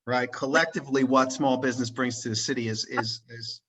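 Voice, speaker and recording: A man hosts a relaxed conversational interview, his voice bright and clear. He circles his points, restarts sentences and keeps tagging them with "right?". It sounds like a video call. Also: medium pitch, brisk, low-quality recording. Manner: rambling, many restarts and tag questions. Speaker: interviewer and channel host. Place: at home in Switzerland, recorded over a video call.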